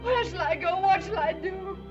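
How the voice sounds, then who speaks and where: An actress playing a distraught young belle in a 1930s film, with a pleading, tearful manner. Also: female voice, extremely high pitch, moderate pace. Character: distraught young Southern belle, desperate and willful. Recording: dull old film soundtrack with loud orchestral music.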